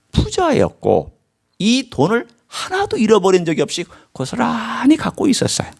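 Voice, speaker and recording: A man preaching a sermon as pastor, asking his congregation questions and swinging his voice high and low as he acts out the scripture. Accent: Korean. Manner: animated preaching with sharp pitch swings. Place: church sanctuary.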